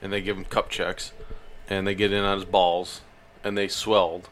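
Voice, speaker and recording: Very deep-voiced man telling stories. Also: level tone, moderate pace, a bit bright, slight background noise. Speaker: podcast co-host. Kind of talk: casual chat.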